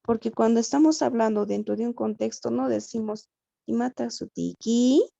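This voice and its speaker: A woman's voice: on the high side, steady tone, fairly quick, gravelly, mellow, dry recording, muffled recording. A woman from Peru, a student in a translation class, asking a question hesitantly and checking in often. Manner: hesitant, circles back with "¿no?".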